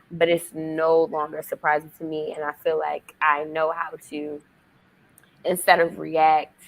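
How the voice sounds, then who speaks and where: Low gravelly young woman, reflective. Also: rough recording. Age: young adult. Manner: reflective, earnest, measured. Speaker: college student panelist. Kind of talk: casual panel discussion.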